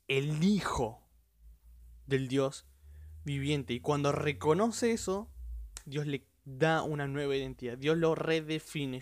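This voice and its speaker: A man's voice: fairly high pitch, darkish tone, dry recording, studio quality. A man with a Rioplatense Spanish accent giving an earnest, emphatic devotional podcast teaching, repeating his key phrases. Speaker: podcast preacher.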